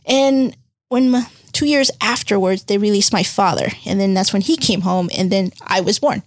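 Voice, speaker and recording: A woman in her forties, born in Vietnam, telling her life story as a guest in a studio interview, animated and acting out what others said. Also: mid-range voice, moderate pace, no room sound. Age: 40s. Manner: animated storytelling, acts out quoted voices. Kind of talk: conversational interview.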